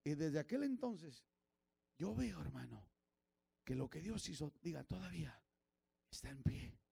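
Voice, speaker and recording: High, gravelly preacher. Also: male voice, expressive, unhurried. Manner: switches between Spanish and English, calls out congregation members by name; grows louder and more fervent as he preaches. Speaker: pastor. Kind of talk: sermon.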